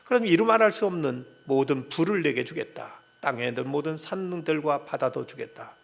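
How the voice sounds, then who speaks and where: A gravelly pastor playing a compassionate savior. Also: male voice, fairly high pitch, animated, normal speed. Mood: earnest. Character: calm compassionate male savior offering ransom. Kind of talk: acted quote within a sermon.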